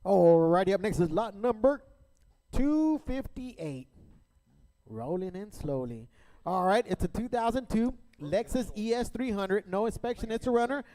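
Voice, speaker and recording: A man's voice: sits high, lively intonation, measured pace, warm tone. A man announcing vehicle lots at an auction in short, item-by-item statements. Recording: echoey hall with long reverb.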